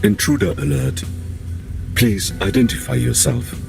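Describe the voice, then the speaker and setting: An actor playing a calm male station guardian computer that speaks in flat, formal, repetitive machine announcements for a video game. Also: mid-range voice, measured pace, creaky, full character voice. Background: game music.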